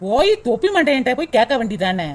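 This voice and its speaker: Woman doing a high sarcastic cartoon daughter-in-law, grumbles. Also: very animated, quick pace. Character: sharp-tongued young daughter-in-law.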